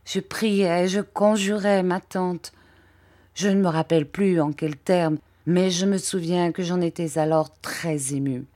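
A woman reading a classic novel aloud as audiobook narration in a measured, even storytelling manner. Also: fairly low pitch. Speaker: audiobook reader. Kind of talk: scripted narration.

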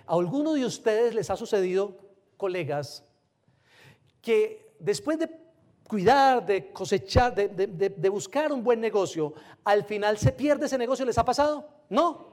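A man giving an animated motivational talk to a live audience, often firing rhetorical questions at them. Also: sits high, measured pace. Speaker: motivational speaker.

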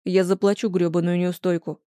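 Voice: mid-range voice, level tone, a little fast, warm tone, smooth, dry recording, clean studio sound, lightly acted. An audiobook narrator voicing a stern, controlling young man in a romance story, curt and cold.

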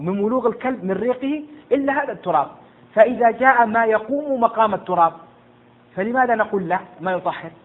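Fast-talking sheikh quizzing his class. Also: high voice. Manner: quizzes and hushes students; stumbles and repeats words. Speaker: sheikh teaching jurisprudence. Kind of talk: interactive classroom lesson. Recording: tinny lo-fi with faint noise.

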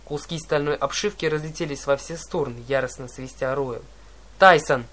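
A man reading a first-person adventure story aloud, with dramatic, animated narration. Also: mid-range voice, fairly quick. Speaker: audiobook narrator.

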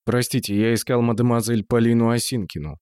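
A man's voice: mid-range voice, brisk, a little mellow, clean tone, dry recording, lightly acted. A man voicing a composed, middle-aged male investigator who speaks politely with dry irony.

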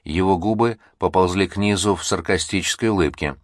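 Deep-voiced male audiobook narrator. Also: no room sound, studio quality. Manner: expressive, measured storytelling.

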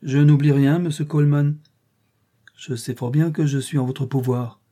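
A bold, sardonic male bandit captain from an adventure audiobook, ironic in every line, voiced by a male reader. The voice is mellow and dark with a husky edge. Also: medium pitch, natural voice. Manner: ironic, mocking. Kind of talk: audiobook reading.

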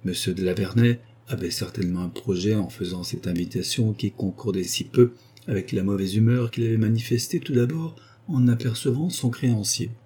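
A man narrating an audiobook novel in a measured storytelling manner. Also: on the low side, warm tone, breathy edge.

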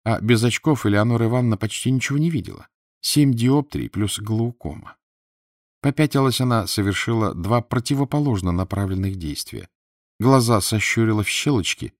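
Low-voiced male audiobook narrator. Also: fairly quick, no room sound, clean studio sound. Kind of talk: scripted narration.

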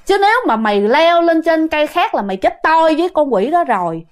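A woman's voice: high voice, very animated, brisk. A woman voicing the oldest woman of a village, speaking bluntly with a Southern Vietnamese accent.

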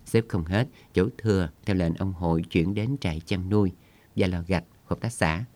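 A man reading a story aloud in a steady, measured narration. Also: sits low. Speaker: audiobook narrator.

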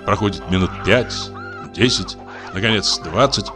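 A man calmly narrating a story in an audiobook, in a measured way. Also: lowish voice. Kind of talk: audiobook reading. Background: music.

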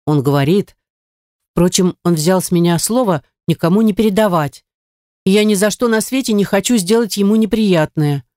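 A woman's voice: mid-range voice, moderate pace, warm tone, no echo, studio quality, close to an everyday voice. A woman voicing a chatty, flustered young maid who pleads and rambles in a raised voice. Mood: gossipy. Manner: breathless, wheedling, rambling.

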